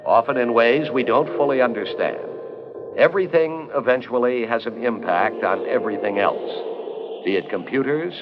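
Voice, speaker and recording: An American man narrates an educational film from a script, speaking at medium pitch and a moderate pace as a documentary narrator. The sound is a dull 1970s 16mm film soundtrack with background music.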